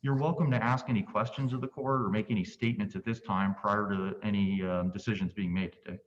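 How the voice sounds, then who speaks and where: A man presiding as judge over a virtual court hearing, speaking in a measured, polite, procedural way. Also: fairly low pitch, steady tone. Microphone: video call. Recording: muffled distant video call audio.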